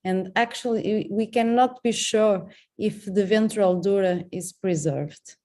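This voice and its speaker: Mellow woman presenting a surgical case. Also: mid-range voice, unhurried. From Portugal. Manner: steady, methodical case description. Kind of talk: online conference presentation.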